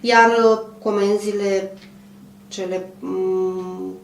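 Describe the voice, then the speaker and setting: A woman in her fifties who runs a clothing manufacturer, answering an interview in a measured, hesitant way with many pauses. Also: mid-range voice, fairly even intonation. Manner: measured, hesitant, frequent pauses and throat clearing. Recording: roomy, distant mic, faint hum.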